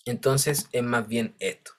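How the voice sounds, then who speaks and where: A man's voice: medium pitch, steady tone, a little slow. Man, teacher, patient step-by-step explaining, frequent check-ins. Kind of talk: online class lecture.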